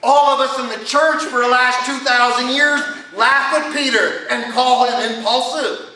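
A man's voice: extremely high pitch, fairly even intonation, unhurried, bright, forceful tone. A middle-aged man preaching a sermon in a folksy way, asking his congregation questions. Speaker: pastor. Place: church sanctuary. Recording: echoey church from a distance.

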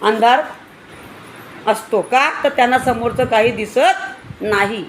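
High-voiced woman teaching small children. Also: slow pace, a little hiss or hum. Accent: Marathi. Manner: questioning, coaxing children to answer louder. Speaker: preschool teacher. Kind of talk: classroom teaching to young children.

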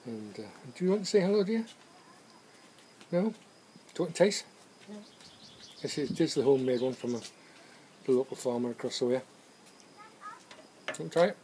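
Out in a garden on a sunny day, a fifty-something Englishman reviews his homebrew beer and cider, filming with the camera at arm's length. His medium-pitched, dark voice has lively intonation and a moderate pace, and he pauses often and says um while thinking aloud. There's slight background noise.

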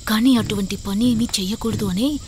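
A woman's voice: medium pitch, a little fast, natural voice. An actress playing a defiant young woman set against a forced marriage, in film dialogue. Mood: determined. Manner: defiant, pleading. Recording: film soundtrack with music underneath.

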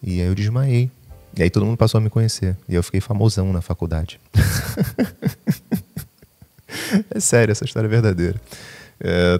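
A man's voice: low voice, darkish tone. A young man talking in a casual confessional vlog, anxious and jittery, rambling and cutting himself off, swearing casually. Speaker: vlogger.

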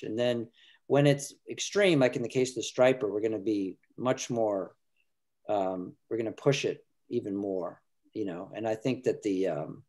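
Joining a video call from indoors at home, a middle-aged filmmaker guest speaks in a lowish, slightly mellow voice. He's earnest but halting, frequently starting his sentences over, picked up by his webcam in a casual discussion.

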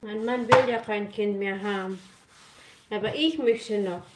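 A 38-year-old Filipino-born woman vlogger livestreams from her home kitchen, chatting casually with viewers in simple German mixed with some English as she works. Her medium-pitched voice is measured in pace, picked up by a camera on the counter in an echoey kitchen. The recording is very noisy with running water and kitchen clatter.

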